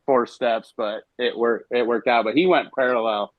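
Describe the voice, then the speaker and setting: A man's voice: medium pitch, normal speed, no echo, phone-quality sound. Dry-sounding man telling coaching stories. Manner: animated, quotes others in his stories. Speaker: former high school baseball coach. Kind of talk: casual storytelling on a podcast.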